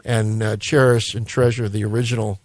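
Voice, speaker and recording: A man's voice: fairly low pitch, flat delivery, a little fast. A man from the United States hosting a radio interview, asking rambling, chatty questions. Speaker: radio host.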